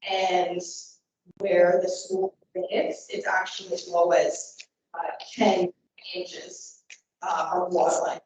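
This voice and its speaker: A woman presenting at a meeting over a garbled, unclear call line, halting with many ums. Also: on the low side, flat delivery, a little mellow. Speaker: harbor staff presenting a budget. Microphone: remote call. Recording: echoey, distant, muffled, noisy call line.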